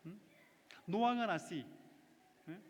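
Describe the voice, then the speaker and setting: A high-voiced man preaches a sermon in unhurried, measured phrases. He talks with simple wording and keeps checking in with his listeners. The sound carries a long hall reverb. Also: breathy edge. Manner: simple non-native phrasing, frequent check-in questions. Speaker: pastor. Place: church retreat hall.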